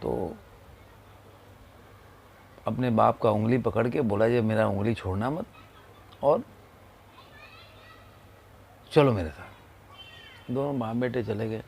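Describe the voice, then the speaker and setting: A man telling a moral story in a slow, unhurried way, pausing often between phrases, with a Hindi accent. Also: lowish voice, gravelly, darkish tone, slightly rough. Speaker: motivational speaker.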